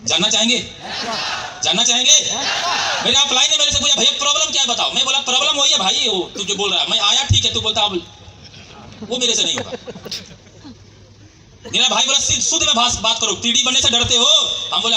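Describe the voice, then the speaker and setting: A man gives an animated motivational speech in a hall, talking quickly and acting out the lines of people in his story. His voice sits very high and sounds sharp and bright. A faint hum runs behind him. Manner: animated, acts out quoted dialogue, calls out to the crowd. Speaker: motivational speaker at a sales meeting. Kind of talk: storytelling speech to a live audience. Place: large hall with audience.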